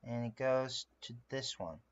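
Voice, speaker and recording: A streamer from France chats in his native French while drawing live, rambling with many fillers as he describes his work. His medium-pitched voice moves a little slowly, clean in tone but recorded in lo-fi quality.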